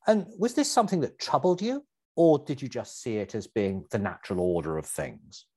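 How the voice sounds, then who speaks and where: Lively, husky male podcast host. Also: mid-range voice, moderate pace. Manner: lively, articulate questioning. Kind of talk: scripted intro and interview questions.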